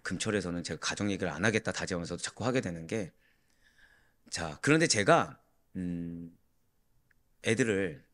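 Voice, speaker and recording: A middle-aged man preaching as a pastor. He keeps asking the congregation questions and answering them himself, moving from loud preaching to quiet, low asides. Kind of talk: sermon.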